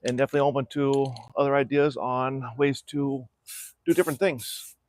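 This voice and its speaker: A middle-aged man from South Florida, hosting a casual livestream from his backyard and explaining, in a relaxed and practical way, how he is restoring a small boat. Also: mid-range voice, normal speed, no echo. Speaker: channel host restoring a boat. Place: backyard outdoors.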